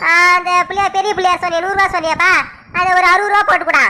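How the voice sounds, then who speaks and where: A woman's voice: extremely high pitch, steady tone, very fast, pushed and bright, a little hiss or hum. A woman voicing a stubborn, argumentative village wife in a cartoon who haggles hard over the price of an idol. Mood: haggling. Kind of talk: cartoon voice acting.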